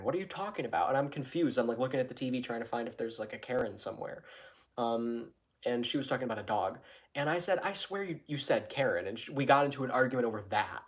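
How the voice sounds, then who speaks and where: A man talking to his channel from his own room in a loose, rambling vlog chat, often restarting and correcting himself. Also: medium pitch. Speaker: YouTuber.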